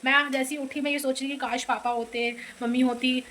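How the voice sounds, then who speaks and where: A woman's voice: high voice, level tone, fairly quick, a bit bright. A young woman vlogging casually from her home kitchen, chatty and rambling, with dramatic complaints. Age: young adult. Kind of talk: casual vlog chat.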